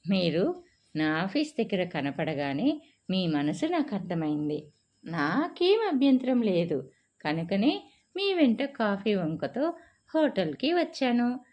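A woman's voice: medium pitch, very animated, takes it slowly. Preethi, a woman playing a bold young woman. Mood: cheerful. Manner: direct, questioning. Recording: dull lo-fi recording.

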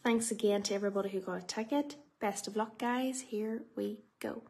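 A woman hosting a live prize draw in a chatty bingo-caller style, calling out numbers slowly and repeating them. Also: medium pitch, steady tone, warm tone.

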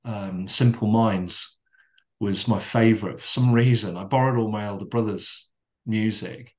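Middle aged guy on a podcast, lowish voice, calm and slow to find his words. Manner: calm, measured, with many restarts and fillers. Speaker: podcast guest. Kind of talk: reflective storytelling in conversation.

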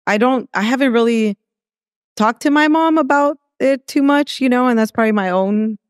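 A soft-spoken man, born in Mexico and raised in California, speaks as a guest in a relaxed interview. He pauses and hedges as he reflects. His voice is smooth and clear, recorded close and dry, with no room sound. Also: extremely high pitch, no room sound. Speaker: guest, restaurant entrepreneur. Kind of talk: casual interview conversation.

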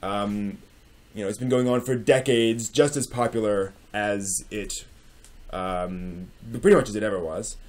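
This host, a man in his forties, gives a dramatic reading with casual commentary in a small furnished room at home with bookshelves. His voice is lowish and unhurried with fairly even intonation, though his manner is emphatic and theatrical.

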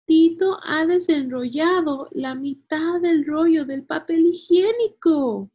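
A woman playing a worried small girl in a picture book, high-pitched, loud, slow, gravelly, storybook read-aloud. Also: highs cut off. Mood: upset. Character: fretful young girl.

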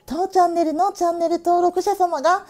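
High-pitched woman with a Tokushima accent. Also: steady tone, fairly quick, darkish tone. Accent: Awa dialect (Tokushima). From Tokushima, Japan. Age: late 30s. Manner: cheerful, chatty, laughs often. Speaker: stationery vlogger. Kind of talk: casual chat to camera.

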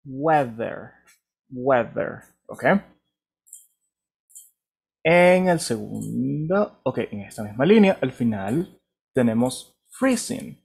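A man's voice: medium pitch, very animated, takes it slowly, vocal fry, long pauses, a little mellow, slightly rough. A man with a Venezuelan Spanish accent teaching an online English class, patient and encouraging, often checking in with "ok?". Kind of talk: online class, explaining pronunciation. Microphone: video call.

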